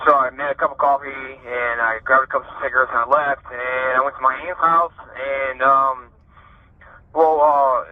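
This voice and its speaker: A man in his thirties from Ohio, a prison inmate calling on a prison phone and telling his story in a halting way, with many fillers and restarts. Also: medium pitch. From Ohio, USA. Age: 30s. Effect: heard over a prison phone line. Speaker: prison inmate being interviewed. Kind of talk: candid personal account. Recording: tinny prison phone line.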